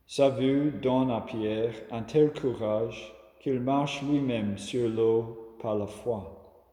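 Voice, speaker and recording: Aussie guy giving a slow calm homily, echoey room. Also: medium pitch. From Australia. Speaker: preacher. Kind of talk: reflective gospel homily. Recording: echoey room with long reverb.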